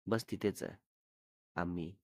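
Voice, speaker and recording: A man's voice: deep voice, steady tone, a little slow, darkish tone, dry recording, studio quality, pitched below the performer's own voice. A man voicing an anxious young friend urgently asking for help in a storybook drama. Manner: urgent, pleading.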